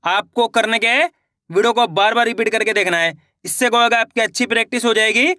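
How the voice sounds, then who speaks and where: A male teacher slowly sounds out Hindi words syllable by syllable for a reading lesson, and speaks more briskly when he explains. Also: very high voice, pushed and bright, dry recording, studio quality.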